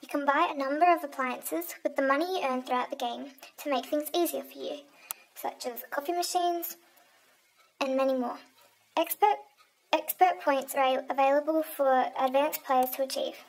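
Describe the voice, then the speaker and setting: Young woman, high-pitched, scripted game review, steady read, faint hiss and clicks. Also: moderate pace, rough recording. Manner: reads from a script, evenly, with occasional slips. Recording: faint background noise with clicks.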